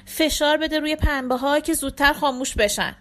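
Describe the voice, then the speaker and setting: A woman's voice: high voice, a bit bright, pitched above the performer's own voice. A woman voicing a practical young woman giving urgent instructions while treating a wound, in an audiobook. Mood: instructing.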